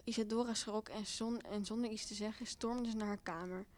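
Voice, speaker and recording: A young woman reads a homemade children's story aloud in a voice of middling pitch. She reads with lively expression and raises her voice in the quoted lines. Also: fairly quick.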